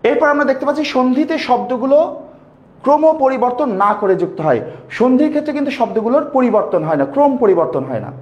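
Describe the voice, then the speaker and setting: A man's voice: very high voice, expressive, fast talker, highs cut off. A male teacher with a Bangladeshi Bengali accent giving a grammar lesson, asking his students questions, answering them himself and repeating the key terms to drill them in. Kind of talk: classroom lecture on grammar. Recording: roomy echo.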